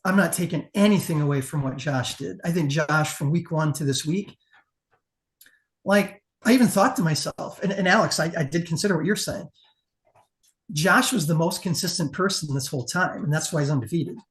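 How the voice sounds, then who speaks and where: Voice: mid-range voice, normal speed. A competition judge giving a casual panel critique in an emphatic, profane, conversational way.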